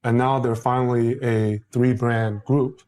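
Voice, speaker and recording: A man co-hosts a casual roundtable talk. He leans hard on the words he wants to stress and pauses with hesitations in between. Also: medium pitch, little pitch movement, darkish tone. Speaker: podcast co-host.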